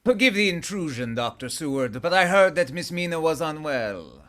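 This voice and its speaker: An actor playing a suave, courtly Transylvanian vampire count in a radio play, speaking with formal, ornate politeness. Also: male voice, on the high side, expressive, moderate pace, a bit bright. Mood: smooth courtesy. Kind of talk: theatrical radio play acting.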